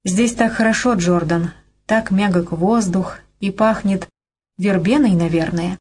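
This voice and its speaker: A woman's voice: mid-range voice, a little slow, a little mellow, husky. A woman reading an audiobook and voicing a frank, dreamy young woman.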